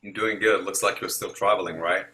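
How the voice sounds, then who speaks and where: A man's voice: deep voice, fairly even intonation, fairly quick, sharp tone, low-quality recording. A man hosting a podcast in an upbeat, chatty way, keeping the talk moving. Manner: upbeat, chatty host who keeps things moving. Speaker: host.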